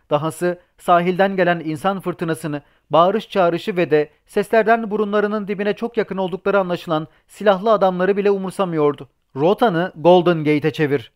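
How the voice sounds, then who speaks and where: A man's voice: high-pitched, clean tone. Man narrating an audiobook. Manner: reads a novel aloud, giving the characters' lines too. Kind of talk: scripted narration.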